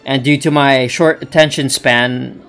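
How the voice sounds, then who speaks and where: A man narrating his own gameplay in loose, halting let's play commentary, often trailing off and circling back. His voice has a gravelly, fry-tinged texture. Faint music runs underneath. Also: mid-range voice, fairly even intonation, fairly bright tone. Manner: rambling, hesitant, self-talking. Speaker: gaming channel host.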